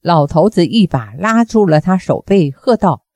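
A woman reading a martial arts novel aloud as a storyteller, raising her pitch for the characters' lines. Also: normal speed, no room sound. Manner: lively reading with raised pitch for quoted characters. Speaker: audiobook narrator.

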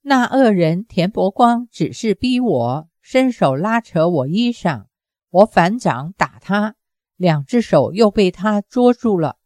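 A woman reading the lines of a young, gentle female nun in an audiobook, speaking softly with a choked-up, pleading manner. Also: medium pitch, very animated, slow, no echo, studio quality.

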